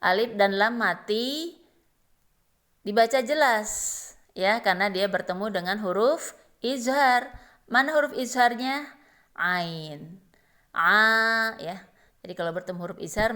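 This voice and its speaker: A woman's voice: medium pitch, expressive, normal speed, long pauses, fairly bright tone. A woman giving a recitation lesson, explaining rules patiently and chanting verse examples. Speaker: Quran recitation teacher.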